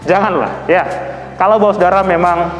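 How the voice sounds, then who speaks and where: A man with a very high voice preaches in a lively, chatty way. His words ring out in a big hall with a long echo. Soft music plays faintly behind him. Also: fairly quick. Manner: lively, conversational preaching with playful imitations. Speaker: pastor. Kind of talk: sermon.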